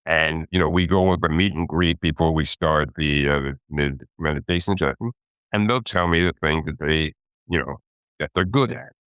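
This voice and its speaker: A man in his eighties, a guest in an interview, telling stories slowly and reflectively with some hesitations. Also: very deep voice, fairly bright tone, clear, resonant tone, no room sound, clean studio sound. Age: 80s. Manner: slow, reflective storytelling with hesitations. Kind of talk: relaxed interview talk.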